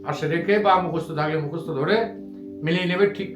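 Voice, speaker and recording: A man with a high voice gives a patient classroom grammar lesson and drills word forms slowly, one at a time. His voice echoes around the room. Faint music plays underneath. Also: fairly even intonation. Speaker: Sanskrit teacher.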